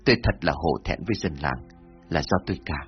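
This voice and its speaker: A man's voice: mid-range voice, very animated, brisk, natural voice. A man doing a humble older village chief. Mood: earnest. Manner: earnest, self-reproaching. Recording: dull lo-fi, faint music.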